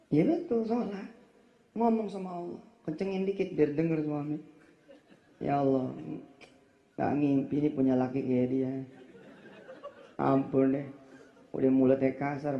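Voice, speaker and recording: A man giving a lively, jokey sermon in slangy talk, acting out the people he quotes. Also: fairly high pitch, creaky. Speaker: preacher. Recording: roomy, dull lo-fi recording.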